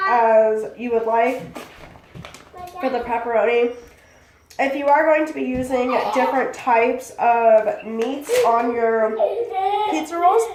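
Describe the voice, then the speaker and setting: Her voice is fairly high and congested from bronchitis: a young cooking channel host rambling chattily as she works through a recipe in her small kitchen at home. The camera mic sits a few feet away, and the kitchen is echoey with background noise.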